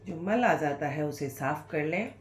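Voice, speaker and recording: A woman's voice: low-pitched, animated, measured pace, reverberant, slight background noise. A woman with a sore throat and cough, leading a guided breathing exercise lesson as a yoga instructor in a patient, reassuring, instructive way.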